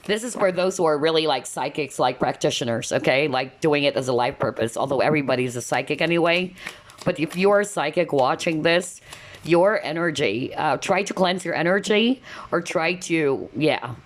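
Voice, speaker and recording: A woman gives viewers a casual tarot reading, chatty and full of asides, her deep voice slightly nasal as she loses it. She speaks at normal speed with slight background noise.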